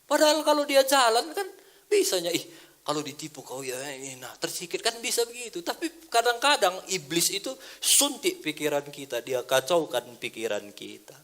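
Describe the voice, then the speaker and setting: A man's voice: high-pitched, normal speed. A middle-aged male pastor with a Karo Batak Indonesian accent, preaching a sermon and telling stories with acted-out dialogue. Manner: animated storytelling, acting out dialogue in a raised voice.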